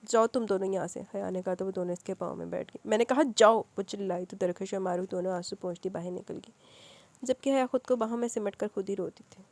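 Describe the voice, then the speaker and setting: A woman's voice: fairly even intonation, creaky, warm tone, no room sound. A woman narrating a dramatic novel aloud, acting out the characters' lines with rising emotion. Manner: voices characters with raised emotional pitch.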